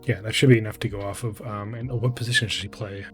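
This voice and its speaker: A man's voice: lowish voice, steady tone, fast talker, soft background music. A man with an English Canadian accent hosting a casual reaction video, rambling and hesitant with many restarts. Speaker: reaction channel host.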